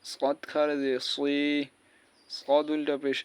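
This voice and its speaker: Slow, patient man teaching letter sounds. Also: on the high side, monotone, smooth, no echo. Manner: spells out letters and vowel marks one by one, drawn-out syllables. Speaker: Quran recitation teacher. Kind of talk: slow spoken lesson.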